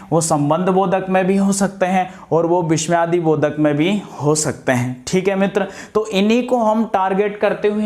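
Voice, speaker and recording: High-voiced man teaching grammar. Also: darkish tone. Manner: asks questions and answers them himself, stretching key terms slowly; addresses viewers as friends over and over. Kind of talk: exam-prep grammar lesson.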